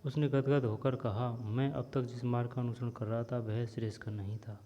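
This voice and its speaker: A man's voice: mid-range voice, steady tone, mellow. Man reading a textbook story, echoey lo-fi. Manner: reads steadily, pauses to explain words. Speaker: teacher reading a textbook chapter aloud. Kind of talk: reading a story aloud with explanations. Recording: dull lo-fi sound with long reverb.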